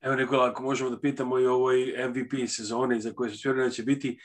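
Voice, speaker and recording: A man's voice: medium pitch, flat delivery, very fast. Man asking long, rambling questions. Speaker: reporter. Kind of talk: press conference question.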